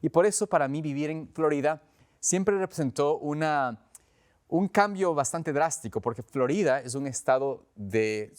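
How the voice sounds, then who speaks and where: A pastor from Quito, Ecuador, with an Ecuadorian accent delivers a conversational sermon in an earnest, explanatory way, often rephrasing as he goes. His voice is a little high and animated, at a moderate pace.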